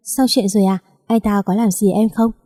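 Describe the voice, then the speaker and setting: A woman reading the lines of a kind, caring male friend in an audio story, in a mellow, darker voice. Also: medium pitch, steady tone, normal speed, close to an everyday voice. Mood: concerned.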